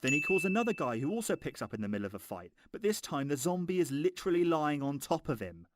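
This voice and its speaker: A man's voice: fairly high pitch, sing-song, quick pace, noisy background. A man narrating a scripted film review in a mocking, exasperated, sweary way.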